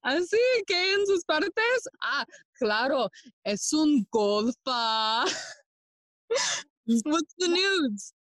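A woman with a high, slightly bright, exaggerated voice and big pitch swings plays a slow, sardonic young Prince Hamlet, melancholy and feigning madness, in a dry recording. Her playful, theatrical, mocking delivery switches between English and Spanish, classical Shakespearean stage acting for an audio play.

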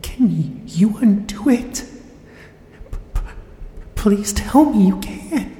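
A man's voice: high voice, animated, slow, warm tone, roomy sound, in a large hall, pitched above the performer's own voice. A man voicing a terrified wife who whispers frantic, stammering warnings.

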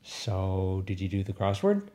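Brief: mellow-voiced male co-host, hesitant, self-correcting, casual puzzle chat. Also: deep voice, big pitch swings, a little slow. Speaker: podcast co-host.

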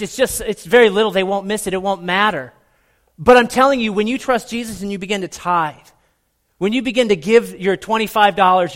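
Male preacher, notably high voice, conversational but emphatic sermon delivery, long hall reverb. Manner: conversational, emphatic, rhetorical questions. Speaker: pastor. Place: large room with a congregation.

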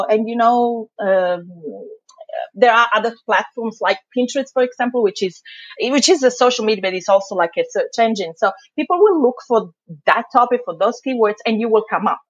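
A woman with a thick Italian accent, talking in a relaxed interview as a guest expert. She is chatty and laughs often, and her voice has a slightly husky edge. The recording is dry and a bit dull. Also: a little high, no echo. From Italy. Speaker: guest, blogging legal expert. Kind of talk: casual interview.

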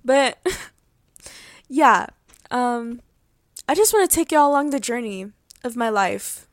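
A woman's voice: on the high side, lively intonation, slow pace, dry recording, clean studio sound. A young woman in her late teens hosting her own podcast, chatting about her life in a rambling, heartfelt way with many fillers and restarts, and laughing often. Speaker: podcast host. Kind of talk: casual personal update.

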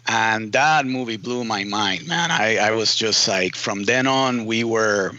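A man speaks in a casual, rambling interview style, leaning on "you know" and "man" as he tells his story. His voice is bright and forceful. The recording is dry and a little dull, lacking sparkle. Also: on the low side, measured pace, dry recording. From Puerto Rico. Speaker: film editor, guest.

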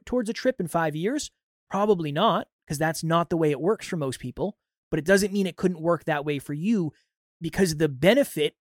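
A man with a slightly high voice speaks as a podcast host in an earnest, life-coach manner. His delivery is explanatory and motivational, and the recording is close and dry. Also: no room sound. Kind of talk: motivational self-improvement podcast talk.

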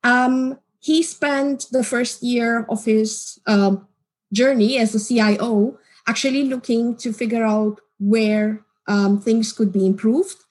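Husky woman. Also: a little high, steady tone, darkish tone. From Romania. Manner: measured, explanatory. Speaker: guest, customer support team manager. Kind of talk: interview answers.

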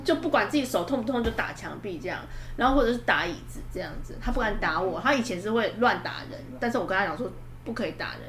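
A woman's voice: medium pitch, expressive, quick pace, hardly any pauses, music in the background. Chatty woman. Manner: rambling, restarts sentences often. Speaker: podcast co-host and mother. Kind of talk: casual chat, storytelling. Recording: roomy room echo.

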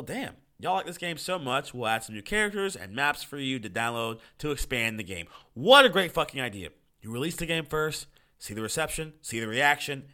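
A young-adult American man hosts a solo gaming podcast with a mid-range, bright, forceful voice, made froggy and congested by a cold. His commentary on video games is casual, opinionated, and full of profanity.

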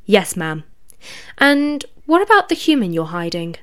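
A woman's voice: mid-range voice, big pitch swings, unhurried, clean tone. A sly, prying male raven demon soldier, as a woman storyteller puts him on. His voice sits a little above her own and carries a needling edge. He sounds like a storybook underling. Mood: reporting. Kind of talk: storybook reading.

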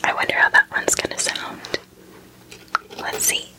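A woman hosting a podcast, speaking in a soft ASMR whisper and repeating words slowly. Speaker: podcast host.

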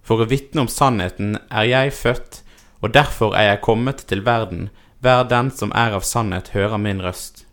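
A man voicing a calm, solemn prophet in a dramatic scripture reading, speaking steadily and firmly. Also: fairly low pitch. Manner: steady, grave and firm.

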